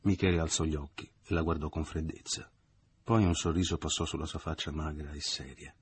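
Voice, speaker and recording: A man narrating a literary novel as an audiobook in a measured, expressive reading. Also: very deep voice, a little hiss or hum.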